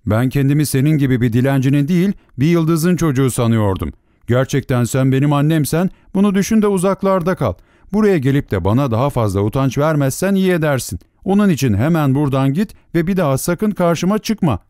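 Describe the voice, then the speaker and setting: A man's voice: a little high, fast talker, a little mellow, smooth, no echo, clean studio sound, close to an everyday voice. An actor playing a vain, cruel boy who speaks in a haughty, snapping, contemptuous way in a storybook reading. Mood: scornful.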